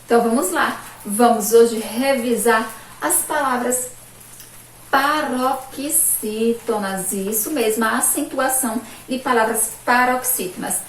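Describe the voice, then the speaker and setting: A woman's voice: fairly high pitch, moderate pace, recorded from a distance, slight background noise. A Brazilian Portuguese teacher woman giving a remote lesson to children, cheerful, drawing out syllables and asking pupils sing-song questions. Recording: echoey room, voice from off-mic.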